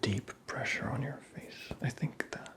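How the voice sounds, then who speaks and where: A man playing a teasing, vain Santa Claus in an ASMR roleplay, murmuring slowly in a breathy whisper. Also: mid-range voice, fairly bright tone. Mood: soothing, chatty.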